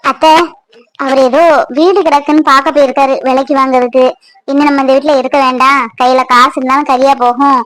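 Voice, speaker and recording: Woman doing a weepy, grateful middle-aged cartoon mom, high voice, dry. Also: a bit bright, no room sound, low-quality recording. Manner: tearful, grateful. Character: grateful middle-aged widowed mother, emotional. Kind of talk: Tamil cartoon voice acting.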